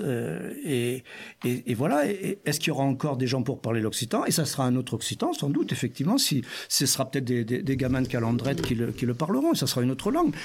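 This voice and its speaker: A man's voice: medium pitch, darkish tone, husky. Hesitant man arguing a point. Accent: Auvergnat. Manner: hesitant, repeats words, argues a point. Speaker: discussion participant. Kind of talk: group discussion.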